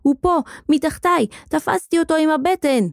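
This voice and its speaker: A woman voicing an excited, flustered chubby little boy who shouts in a children's story. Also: high-pitched, vocal fry, no echo, studio quality, pitched above the performer's own voice.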